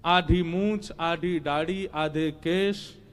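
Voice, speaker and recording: A man's voice: a little high, steady tone, very slow. A male preacher telling a devotional story in a sermon, dramatic and emphatic, acting out the dialogue.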